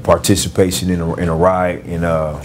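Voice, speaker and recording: A man with a very low voice tells his story in a relaxed, casual way, with a Los Angeles street-slang accent. He stumbles through it with many fillers, restarts and repeated words. A faint hiss sits under his voice. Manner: halting, full of fillers and restarts. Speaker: former gang member telling his story.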